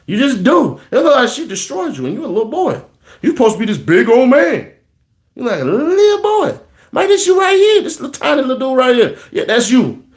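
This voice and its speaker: A man's voice: very high voice, very animated, fairly quick. A man ranting about relationships in slangy, joking casual talk, repeating phrases for emphasis. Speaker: vlogger giving relationship advice. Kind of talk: casual comedic rant.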